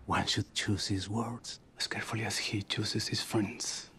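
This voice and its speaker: An actor playing a calculating fantasy film lord who speaks slowly in quiet, veiled threats. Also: male voice, fairly low pitch, little pitch movement, a little hiss or hum. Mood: veiled menace. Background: film score.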